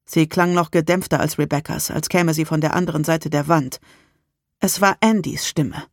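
A tense, dramatic first-person audiobook narration at a middle pitch. It is read close to the mic in a dry booth with no room sound. The delivery is steady and scripted. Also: normal speed, dry recording.

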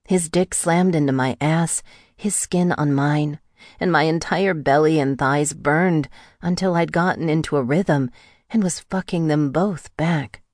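Low-voiced woman narrating a romance audiobook. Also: a little slow, darkish tone, no echo, clean studio sound.

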